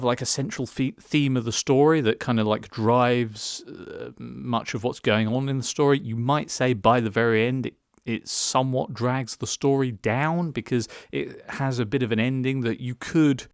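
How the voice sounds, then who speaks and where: A tipsy man giving a casual solo film review, rambling and halting as he stumbles over his words after drinking wine. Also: medium pitch, smooth, no room sound, studio quality.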